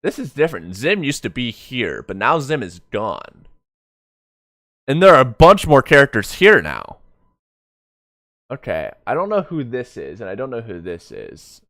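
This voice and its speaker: A male streamer reviewing an animated comic gives casual reaction commentary, rambling and often correcting himself with trailing self-corrections mid-thought. His mid-range voice is fairly bright, swings hugely in pitch, and stays unhurried, in a clean studio recording with no room sound.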